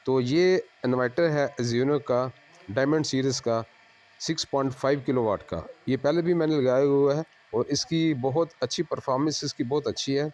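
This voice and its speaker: Man, solar installer, on-site how-to talk, plain unhurried explaining, mid-pitched voice. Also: darkish tone. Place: at a house during installation work.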